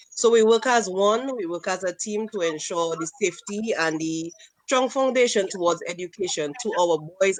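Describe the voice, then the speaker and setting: A woman who runs a preschool, speaking as a guest on a radio talk show. She is a parent and talks in a formal, measured way. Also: on the low side, no room sound, rough recording. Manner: formal, measured self-introduction. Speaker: preschool founder and principal, guest. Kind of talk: radio interview.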